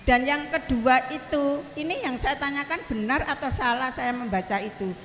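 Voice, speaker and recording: A woman's voice: high voice, normal speed, a little hiss or hum. Earnest woman telling her story in a hall. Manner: earnest, keeps addressing the teacher respectfully. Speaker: congregant asking a question. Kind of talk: telling a personal story to a teacher. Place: study hall at an Islamic boarding school. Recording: long reverb, faint ambience.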